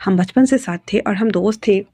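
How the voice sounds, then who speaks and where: A woman's voice: mid-range voice, normal speed, dark tone, no echo, clean studio sound, lightly acted. A woman voicing a stubborn young man who teases and needles his friend, in a spoken storybook. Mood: teasing. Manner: cheeky, teasing.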